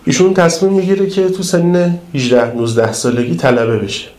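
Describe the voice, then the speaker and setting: A man preaching to pilgrims, telling a story in a lively, colloquial way. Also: on the high side, echoey room. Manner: colloquial, lively retelling of an anecdote. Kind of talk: storytelling sermon in casual speech.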